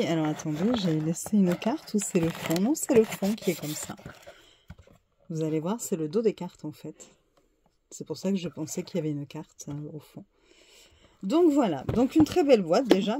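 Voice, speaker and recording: A woman's voice: mid-range voice, dark tone, slight background noise. A French-speaking woman casually showing and describing a tarot deck, hesitant and full of little fillers. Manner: hesitant, fills pauses with euh and hein. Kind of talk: casual show-and-tell unboxing.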